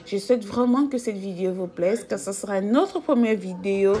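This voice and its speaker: A woman's voice: medium pitch, normal speed, mellow. A woman from Equatorial Guinea, a mother chatting in a rambling way to her viewers in a casual home vlog. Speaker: vlogger and mother. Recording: noisy home recording.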